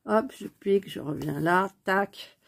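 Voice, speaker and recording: A woman chatting softly as she stitches at home, thinking aloud in a casual cross-stitch tutorial recorded on a phone on a stand. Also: mid-range voice, a little slow, creaky, husky. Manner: speaks softly near the phone. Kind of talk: casual craft tutorial chat.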